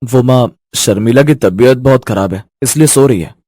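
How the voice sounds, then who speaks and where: A man's voice: medium pitch, normal speed, warm tone, a little hiss or hum, close to an everyday voice. A man voicing a young, easily fooled husband in a cartoon story, plain and concerned. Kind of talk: animated storybook voice acting.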